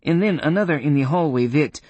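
A man's voice: fairly high pitch, animated, brisk, a little mellow, no echo, lo-fi sound, voice pushed up. A man voicing a haughty, coldly formal woman witch, speaking in a stiff, clipped way. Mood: compelled. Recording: dry close studio sound.

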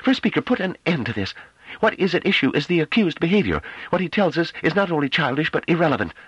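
A man's voice: fairly high pitch, big pitch swings, moderate pace, slightly rough, no room sound, highs cut off, pitched above the performer's own voice. A man reading an audiobook, voicing a scornful, impatient woman on a ruling council who talks in a mocking, dismissive way. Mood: tense anger. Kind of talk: audiobook character voice.

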